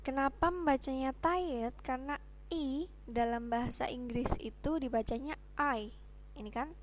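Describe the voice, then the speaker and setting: With a voice that sits high, a young woman patiently walks viewers through English pronunciation in a relaxed online class. Her slow explanations come with friendly, chatty asides.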